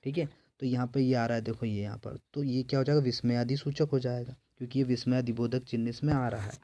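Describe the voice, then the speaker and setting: Mellow-voiced male teacher quizzing his class. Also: mid-range voice, fairly even intonation, quick pace. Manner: repetitive, quizzing himself and answering. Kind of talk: exam-prep lesson.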